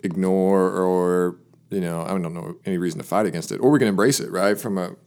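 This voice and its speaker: A man who is a lead pastor, hosting a casual podcast chat in a relaxed, rambling way with frequent restarts. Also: sits low, brisk. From Southern Illinois.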